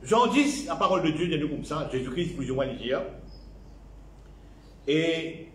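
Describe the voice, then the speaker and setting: Lively Mauritian pastor preaching in an echoey hall. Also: male voice, fairly high pitch, moderate pace. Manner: repeats key phrases, mixes in English words. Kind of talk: sermon. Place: church.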